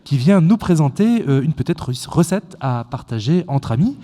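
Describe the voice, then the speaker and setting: A man hosts a casual show in a relaxed, hesitant way, with a mellow voice. The room gives his voice a long reverb. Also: on the high side, moderate pace. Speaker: host. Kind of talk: casual interview.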